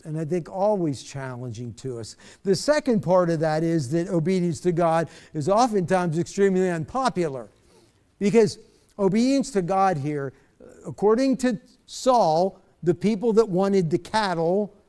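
A warm, smooth male voice that sits high belongs to a middle-aged pastor teaching bible study from a church stage. He talks conversationally, repeating words often as he looks for them.

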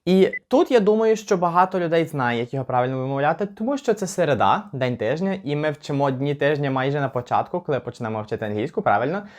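A man's voice: on the high side, expressive. Chatty man teaching English pronunciation. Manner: chatty, slows down to spell out words. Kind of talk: casual pronunciation lesson.

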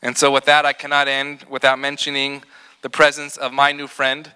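A middle-aged man, a rabbi, giving a prepared ceremony speech at a podium, telling stories with slowed, emphatic pauses. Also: medium pitch, monotone, bright, forceful tone, smooth. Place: large hall with balloon decor. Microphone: podium microphone. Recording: long hall reverb.

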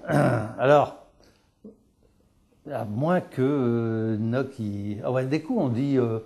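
A man's voice: medium pitch, slow, vocal fry, darkish tone. A man teaching local dialect on television, explaining words, repeating them and asking and answering his own questions. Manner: didactic, repeats words, asks and answers himself.

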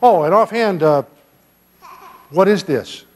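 An older man, a pastor giving a children's sermon in a church sanctuary, gently and playfully asking the kids questions. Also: high voice, expressive, slow pace. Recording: long church reverb.

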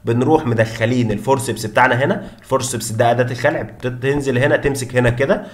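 A young man with an Egyptian Arabic accent teaches dental anatomy at a breakneck clip, his voice sitting at an ordinary middle pitch. He repeats every point and keeps firing rhetorical questions at his students. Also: fairly even intonation, rapid-fire. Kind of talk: fast teaching lecture.

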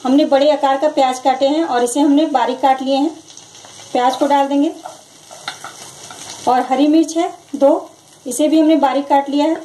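A woman with a high-pitched voice narrates a home recipe one step at a time. She sounds calm and instructive and repeats each step. There is faint background noise over the kitchen sounds. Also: moderate pace, pauses often, poor audio. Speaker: cooking channel host.

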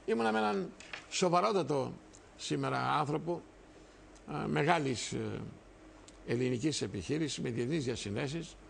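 A gravelly older man in his sixties delivers a fervent televised political monologue, repeating his points for emphasis and addressing the viewers directly. His voice sits a little high for a man, with a faint hiss of noise behind it. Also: expressive, long pauses. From Greece. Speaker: TV show host and party leader.

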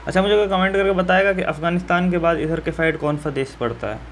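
A man's voice: sits high, fairly even intonation, fast talker, a bit bright, slight background noise. A man teaching students step by step how to fill in a map, in a friendly and reassuring way, often asking viewers questions. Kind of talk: map-filling lesson for school students.

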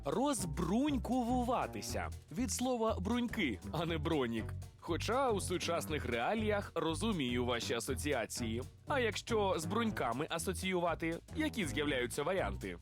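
A man working as a TV street reporter, playfully quizzing people in a lively voice-over. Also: a little high, normal speed, music in the background. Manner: playful, teasing quizmaster.

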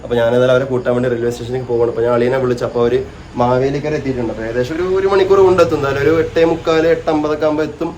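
A man's voice: mid-range voice, steady tone, very fast, a little mellow, a little hiss or hum. A man chatting casually to his viewers as he films his own family vlog, rambling and talking straight to the camera. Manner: teasing with family. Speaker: vlogger.

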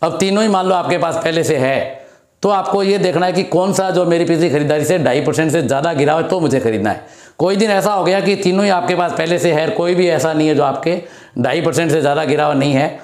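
A middle-aged stock market educator, slightly hoarse from a throat infection, teaches a finance lesson at a blackboard in an indoor room, mixing in a screen walkthrough and repeating key numbers step by step. His voice is a little high and darkish, he talks fast, and the room is reverberant.

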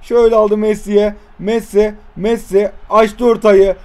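A young man in his twenties calls his own football video game match as he plays, his voice sitting high and jumping between muttered grumbles and sudden shouts. He talks fast and loose, cursing at the players and pleading with them to score. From Turkey. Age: 20s. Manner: excitable, swears and shouts at the game. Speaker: gaming YouTuber. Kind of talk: live gameplay commentary.

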